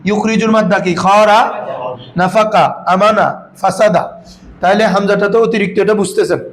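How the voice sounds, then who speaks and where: High-voiced man teaching a class. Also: fairly even intonation, fairly quick, rough recording. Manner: questioning students, calling them baba. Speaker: Arabic grammar teacher. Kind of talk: classroom lesson.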